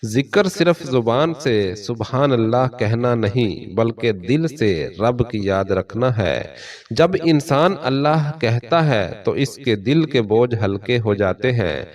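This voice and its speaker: A man with a Pakistani Urdu accent giving a solemn, measured motivational sermon in a steady preaching cadence. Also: medium pitch, recorded from a distance. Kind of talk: scripted motivational sermon narration.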